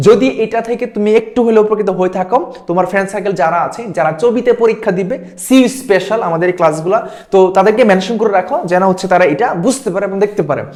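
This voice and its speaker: A man's voice: high-pitched, darkish tone. A man teaching an exam-prep lesson, repeating words and checking in with his students. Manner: quick, repeats words, asks "ঠিক আছে?". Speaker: admission test tutor.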